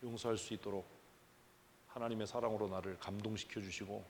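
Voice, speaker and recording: A man's voice: fairly low pitch, fairly even intonation, a little fast, long reverb tail, slight background noise. A man preaching as pastor at a church prayer meeting, talking conversationally and emphatically with many rhetorical questions. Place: church sanctuary.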